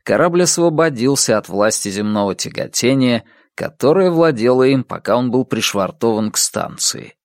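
Expressive male audiobook narrator. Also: medium pitch, no room sound, clean studio sound. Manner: expressive, measured reading. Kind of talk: scripted narration.

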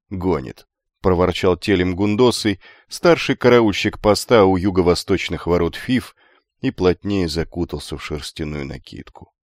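Deep-voiced male audiobook narrator. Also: no room sound, clean studio sound. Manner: measured, storytelling.

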